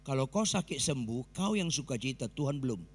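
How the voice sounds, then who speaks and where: A man preaching a sermon as pastor with an Indonesian accent, swinging between loud exclaiming and low emphatic asides and quizzing the congregation. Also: expressive, a little fast, husky. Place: church hall. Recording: long church reverb.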